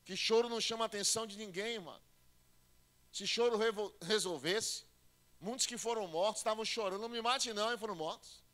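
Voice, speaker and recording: A pastor preaching an emphatic sermon, swinging from loud exhortation to low, close talk. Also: male voice, brisk. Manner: acts out short quoted voices for effect.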